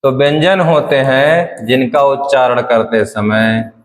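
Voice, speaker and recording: A man's voice: mid-range voice, fairly even intonation, takes it slowly. A man teaching Hindi grammar in a classroom lecture, drilling definitions step by step and repeating key phrases. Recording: echoey room with long reverb.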